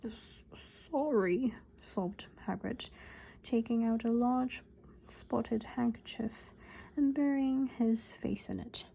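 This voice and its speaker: A woman reading a story aloud in a put-on British accent, with Korean as her first language, in a soft, half-whispered ASMR style. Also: fairly high pitch, slow pace, gravelly, a little hiss or hum, poor audio. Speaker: ASMR reader.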